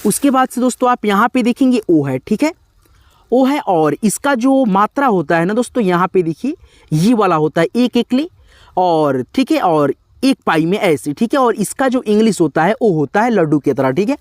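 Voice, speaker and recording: A man's voice: high voice, animated, moderate pace, dry recording, studio quality. A man teaching a step-by-step lesson, spelling words out letter by letter and often checking in with his viewers. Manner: keeps saying "friends" and "okay" to check in with viewers. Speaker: online teacher.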